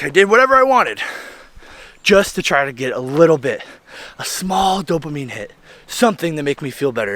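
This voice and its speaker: A man's voice: on the high side, a bit bright, dry recording. A young man telling his own story in a candid, rambling vlog, swearing and often checking in with "right?". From Illinois. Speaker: vlogger. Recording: faint music behind. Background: faint background music.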